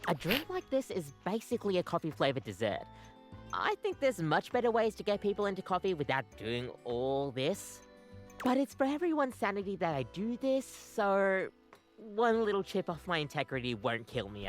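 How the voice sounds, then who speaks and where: A wry, chatty barista in a video game. Her voice sits a little low but moves around expressively, with soft music behind. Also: big pitch swings, moderate pace. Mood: wry, resigned. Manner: wry, conversational. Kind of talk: scripted video game voice acting.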